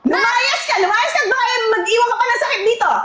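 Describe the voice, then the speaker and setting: A woman's voice: very high voice, quick pace, a loud crowd. A young actress playing a spoiled rich girl turned beggar, snobbish, whiny and insulting. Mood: haughty. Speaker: actor. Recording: echoey room with loud background noise.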